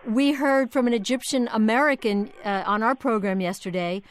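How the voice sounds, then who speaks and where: A woman's voice: fairly high pitch, steady tone, normal speed. A woman hosting a live news interview from a studio, summarising and probing in a conversational way. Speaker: news programme host. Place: dry studio.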